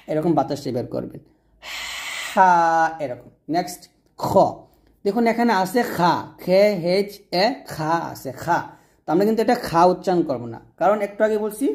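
A woman with a Bangladeshi Bengali accent teaching Arabic letter pronunciation, patiently repeating each sound slowly. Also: fairly low pitch, mellow. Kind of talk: explaining letter by letter.

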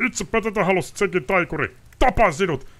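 Shrill nobleman as a man reads him, shouting, panicky, high and loud, wildly swinging. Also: expressive. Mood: furious. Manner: shouting, ranting, pleading. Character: furious panicking male nobleman.

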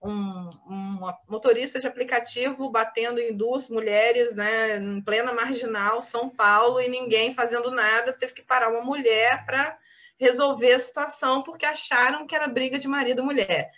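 A woman's voice: fairly high pitch, fairly even intonation, normal speed, fairly bright tone, dull audio. A woman hosting a webinar, chatting casually and giving short listening responses. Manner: chatty, many listening backchannels. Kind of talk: casual chat.

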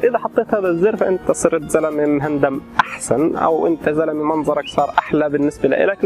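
A man, an architect vlogger, explains casually and drops English terms into his talk with lively everyday examples. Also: a little high. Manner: mixes English terms into Arabic.

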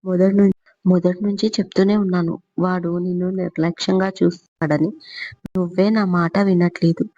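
A woman's voice: on the low side, little pitch movement, brisk, warm tone, lightly acted. A woman voicing a blunt, bossy older grandmother who lectures and scolds, on a dull lo-fi recording. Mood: scolding.

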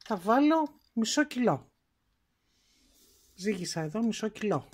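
Greek woman explaining a home recipe. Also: mid-range voice. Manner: calm step-by-step explaining. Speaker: cooking show host. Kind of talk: home cooking demonstration. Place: home kitchen.

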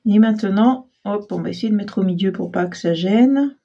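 A woman talks her viewers through a card-making project in an easygoing, self-mocking way, with lots of fillers. Her voice is husky and sits at a middle pitch. She keeps clearing a frog from her throat. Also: normal speed, dark tone, highs cut off. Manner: chatty, self-deprecating, hesitant with many fillers. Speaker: crafting channel host. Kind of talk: casual crafting tutorial talk.

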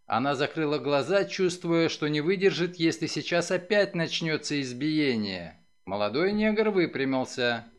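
Man reading an audiobook, dramatic, high-ish voice, pitch all over the place. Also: animated, normal speed. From Ukraine. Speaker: audiobook reader. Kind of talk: scripted narration of a novel.

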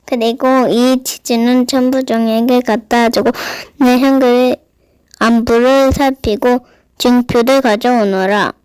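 A woman's voice: a little high, steady tone, slow, a little mellow, clean tone, no echo, rough recording. A woman voicing a caring older father giving instructions in a children's Bible play. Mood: calm, instructing.

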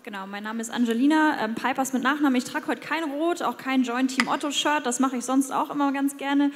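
A young woman with a high voice introduces herself on a conference panel, chatty and dropping fillers. The hall gives her handheld mic a long reverb. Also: brisk, a little hiss or hum. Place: conference stage in a large hall.

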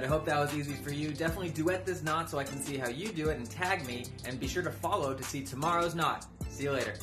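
An upbeat man in his thirties walks through fishing knots step by step with a brisk, friendly tone. His voice sits in an ordinary middle pitch, close to a phone mic indoors. Light music plays faintly behind him. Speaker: fishing knot instructor. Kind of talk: step-by-step tutorial. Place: indoors at a kitchen sink.

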